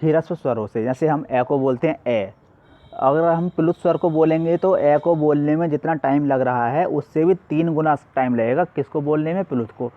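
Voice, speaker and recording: A man's voice: on the high side, moderate pace, narrow, tinny audio. A male teacher giving a classroom lesson, asking questions and answering them himself.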